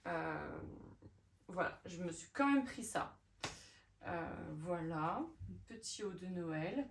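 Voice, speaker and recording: A woman in her thirties chatting casually in a vlog, expressive and full of fillers. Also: on the low side, takes it slowly, creaky, slight background noise. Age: 30s. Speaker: vlogger.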